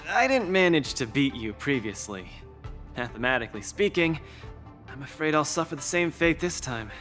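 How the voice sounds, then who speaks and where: An earnest young game fighter, with a fairly high, very animated voice. He is casual, boyish and good-natured. Music runs underneath. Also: normal speed. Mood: stung, resigned. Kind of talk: scripted video game dialogue.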